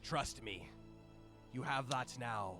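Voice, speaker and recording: A man's voice: medium pitch, slow pace, over music, close to an everyday voice. A man voicing a proud, brazen pirate captain in a tabletop game, boastful and formal as he bargains and challenges. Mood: sly bargaining.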